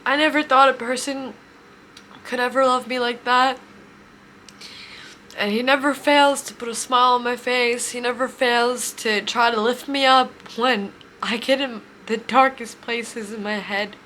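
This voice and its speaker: A woman in her twenties telling a heartfelt personal story, emotional and near tears, speaking haltingly. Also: a little high, fairly even intonation, sharp tone, a little hiss or hum. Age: 20s. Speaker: vlogger.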